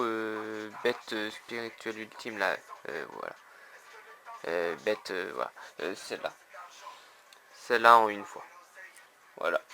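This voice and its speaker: Bright-voiced man with a "donc voilà" tic. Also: mid-range voice, a little hiss or hum. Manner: keeps repeating "donc voilà", a tic he admits to; halting, filled with "euh". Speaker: trading card collector showing his trade binder. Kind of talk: casual video chat.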